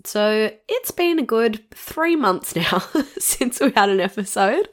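A woman's voice: on the high side, animated, takes it slowly. A woman in her thirties with an Australian accent and a nasal voice from a cold, hosting a casual solo podcast with a chatty manner and little laughs between phrases. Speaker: podcast host.

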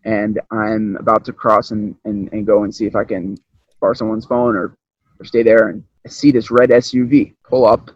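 A young man tells a personal story in a casual, rambling way, restarting sentences as the details pour out. His voice sits at an ordinary pitch. The recording is dry and a little dull, like lo-fi audio. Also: no echo. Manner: rambling, restarts often, animated retelling.

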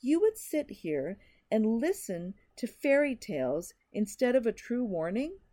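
A desperate stranger man, frantic and pleading, his warning rising toward shouts, as a woman reads him aloud. His voice sits mellow and soft-edged, not sharp, in an audiobook telling. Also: on the high side, sing-song, a little slow, pitched above the performer's own voice. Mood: scornful.

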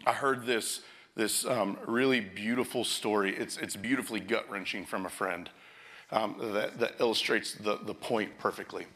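A man's voice: fairly low pitch, normal speed, sharp tone. A man preaching a sermon as a pastor, telling stories and often restarting his phrases.

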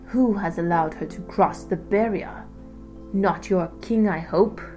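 A woman voicing an ancient, menacing male sea serpent who speaks slowly and threateningly. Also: medium pitch, dark tone, soft background music, lightly acted, rough recording. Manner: slow, drawn-out, threatening.

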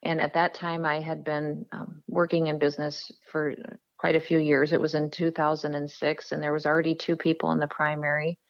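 A middle-aged woman from South Dakota, a politician guest telling her story in an earnest, plain-spoken way with frequent pauses. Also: low voice, monotone, dry recording, muffled recording. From South Dakota, USA. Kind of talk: casual interview storytelling.

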